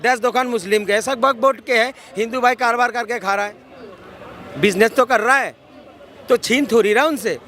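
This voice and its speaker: A man with a strikingly high, bright voice argues his point in a street interview. He keeps cutting in to be heard, pressing and insistent. He is recorded outdoors on a city street. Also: fairly quick, a faint crowd. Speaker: interviewee in street vox pop. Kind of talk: heated street debate.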